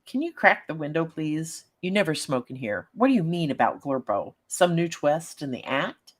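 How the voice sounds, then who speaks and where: Give me a young female college student, read by a woman with a low voice. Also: sing-song, moderate pace. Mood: irritated. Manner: plain read-aloud voice.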